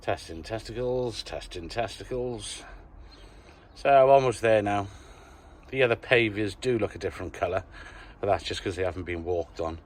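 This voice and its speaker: A man's voice: fairly low pitch, steady tone, fairly quick, a little hiss or hum. A man chatting casually to the camera as he lays a patio outdoors. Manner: chatty, jokey, talks to camera while working. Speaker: patio installer filming his work. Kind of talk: casual work vlog.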